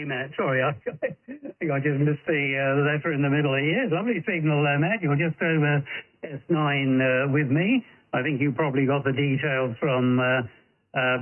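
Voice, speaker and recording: A man, an amateur radio operator, talks politely on an on-air contact, pausing often, heard over a narrow shortwave radio signal. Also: mid-range voice. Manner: polite, chatty, many pauses and fillers. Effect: narrow shortwave radio sound.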